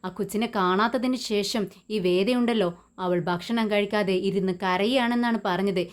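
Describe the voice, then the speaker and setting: A woman reading the part of an agitated young woman who stirs up trouble, in a sharp, accusing tone. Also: mid-range voice, normal speed, lightly acted.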